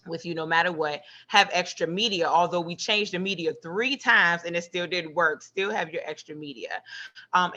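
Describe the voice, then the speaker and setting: A woman's voice: fairly low pitch, sharp tone. A woman who runs a photo booth business, telling a story expressively on a video call panel. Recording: slightly muffled call audio.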